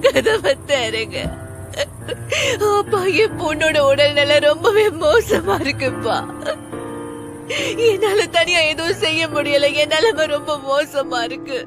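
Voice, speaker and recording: A woman's voice: sits high, a little slow. A woman playing a desperate young mother in a dubbed film, pleading and emotional, with film music underneath. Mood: tearful. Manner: pleading, emotional, repeats herself. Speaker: mother of a sick daughter. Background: film score music.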